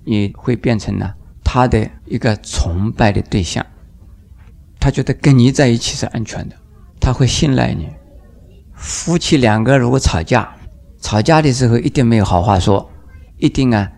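Older male Buddhist teacher, gravelly mid-pitched voice, unhurried dharma lecture with drawn-out phrases and brief acted-out quotes. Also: a little mellow. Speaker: Buddhist master giving a dharma talk.

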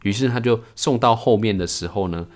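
A man hosts a storytelling podcast. He keeps a playful tone and chuckles often, and his voice is on the low side. Faint music plays in the background. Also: fairly quick, a little mellow. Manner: playful, laughing retelling. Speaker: podcast host.

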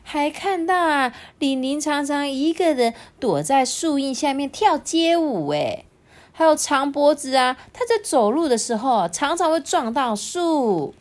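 A woman reading a children's picture book aloud at an unhurried pace. Her pitch bounces animatedly, and she lingers on small particles and sighs between phrases. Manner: expressive, drawn-out particles like 啊 and 哦, sighing fillers. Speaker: storybook reader.

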